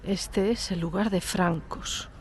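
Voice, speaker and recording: Outdoors in a village, a nasal-sounding travel vlogger and host walks viewers through a casual guided tour, pointing things out in a chatty way despite her congested, stuffy cold. Her voice is on the low side and steady in tone, she takes her time, and there's slight background noise.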